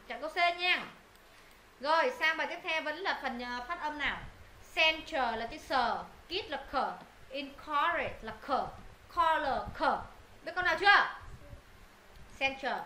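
Woman teacher drilling words over and over, high bright voice, echoey room. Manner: drilling, repeating words, quizzing students. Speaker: English teacher. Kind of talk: live pronunciation lesson to students. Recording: echoey room, faint noise.

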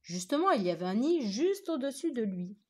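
A woman teacher reading a children's story aloud with animated, expressive storytelling. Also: fairly high pitch, a little fast.

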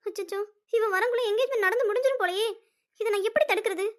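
A woman plays a worried younger sister in a cartoon series who frets aloud. Her voice is very high and hurried. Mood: anxious. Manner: anxious, fretting. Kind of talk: animated web series voice acting.

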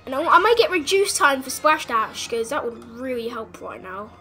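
A woman giving excited gameplay commentary as a gaming channel host, breaking into shouts and yelps at the action. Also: high-pitched, normal speed, soft background music.

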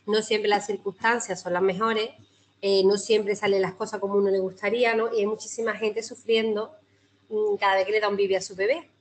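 A woman's voice: medium pitch, level tone, brisk, a little hiss or hum. A woman physiotherapist with a Spanish accent giving a chatty, informal talk to a breastfeeding group over a video call, with many tag questions and restarts. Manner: chatty, warm-hearted, frequent "¿no?" tags and restarts.

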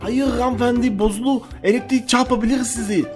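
A woman's voice: a little high, fairly even intonation, a little fast, a little mellow, pitched below the performer's own voice, close to an everyday voice. A woman voicing a polite, cautious male arcade repairman who keeps warning about danger, with faint music behind.

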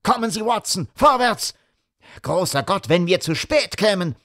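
A man's voice: mid-range voice, sing-song, measured pace, dry recording, studio quality. A man voicing an intense, commanding male detective in an audiobook, with a grave, urgent delivery. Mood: urgent shouting. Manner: grave, urgent, hushed to shouting. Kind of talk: audiobook character reading.

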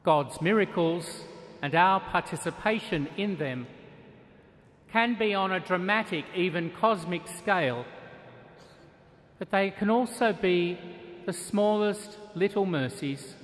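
A middle-aged man preaching a measured, solemn sermon with deliberate pauses as an archbishop at a cathedral lectern. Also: high-pitched, expressive. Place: large stone cathedral, at a lectern. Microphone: lectern microphone. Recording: long cathedral reverb.

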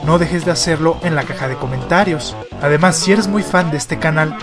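A man narrates a nature documentary from a prepared script. His voice sits slightly higher than most men's. Soft music plays underneath him.

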